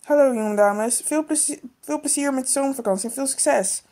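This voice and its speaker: A woman's voice: high voice, a little fast. Woman doing a firm schoolteacher. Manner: firm, pleading for quiet. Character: strict schoolteacher hushing her class. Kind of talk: toy-figure storytelling.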